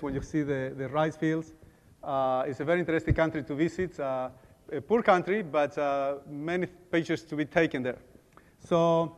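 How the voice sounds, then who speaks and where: Halting and fairly high-voiced, a middle-aged man stumbles through fillers and restarts during a conference talk with prayer. He's an Argentine dentist whose first language is Spanish, recorded in a hall with echo.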